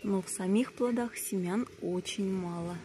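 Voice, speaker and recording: A woman casually narrating her garden vlog in short, halting phrases as she points things out, recorded outdoors on a handheld device. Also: mid-range voice, mellow. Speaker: home gardener showing plants. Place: outdoor garden beside a wall. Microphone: handheld phone or camera close to plants. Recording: clear handling rustle and outdoor background noise.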